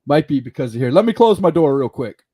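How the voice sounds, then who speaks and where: A man's voice: a little high, very animated, quick pace, warm tone, slightly rough. A man hosting a podcast interview over an online call, his voice coming through glitchy, robotic, scratchy and cutting in and out. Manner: easygoing, laughs things off. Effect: glitchy robotic call audio, cutting in and out and scratchy. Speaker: podcast host. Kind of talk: casual interview chat.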